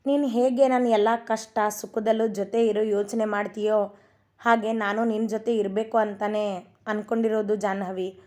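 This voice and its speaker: A woman voicing a calm, caring young husband who speaks gently and reassuringly in a read-aloud love story. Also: medium pitch, moderate pace, lightly acted. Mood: coaxing.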